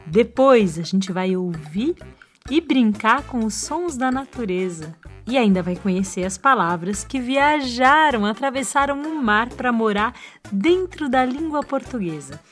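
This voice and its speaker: High-voiced Brazilian woman, fireside-style storytelling. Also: measured pace. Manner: playful, expressive, inviting. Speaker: children's storyteller and host. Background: music.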